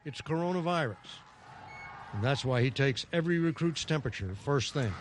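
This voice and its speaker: A man's voice: a little high, animated, fairly quick, a little hiss or hum. A man with an American accent reading scripted narration for a broadcast news report. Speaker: news correspondent.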